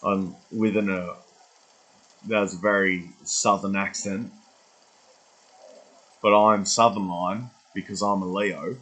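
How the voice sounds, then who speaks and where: A young man in his twenties talks in a meandering, unscripted vlog monologue. His voice is fairly low and husky. He swears freely and often loses the thread of what he is saying. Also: fairly even intonation, slow, pauses often, a bit bright, poor audio. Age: 20s. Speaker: vlogger. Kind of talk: rambling casual vlog monologue.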